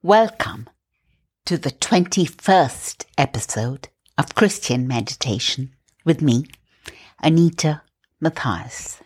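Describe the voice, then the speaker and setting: Slow, low-voiced woman guiding prayer. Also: husky. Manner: slow, soft, calm guiding. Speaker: meditation host. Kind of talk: guided prayer meditation.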